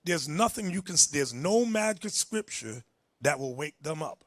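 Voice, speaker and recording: A man's voice: a little high, lively intonation, a little slow, no room sound, studio quality. A man preaching and teaching from the Bible, emphatic and direct, telling a reader when to go on.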